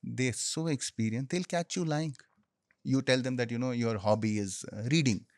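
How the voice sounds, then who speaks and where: A man with an Indian accent, a native Hindi speaker, tells his story as an interview guest. He explains things in pieces, pausing mid-phrase with frequent "you know", in a very dry, close recording. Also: medium pitch, darkish tone, dry recording. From Jammu and Kashmir, India. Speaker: interview guest, military officer. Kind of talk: conversational storytelling.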